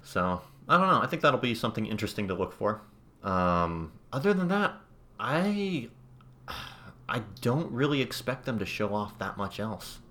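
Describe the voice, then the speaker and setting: A man with a notably low voice talks casually on a podcast. He hedges, restarts his sentences and slips into dry sarcasm. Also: expressive, normal speed, pushed and bright. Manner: sarcastic, hedging, restarts often. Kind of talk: casual chat.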